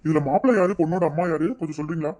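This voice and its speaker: An actor voicing a caring father of the bride in a cartoon, speaking in a coaxing, rapid, questioning way. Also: medium pitch, fairly even intonation, dark tone, close to an everyday voice. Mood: polite. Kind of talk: cartoon voice acting.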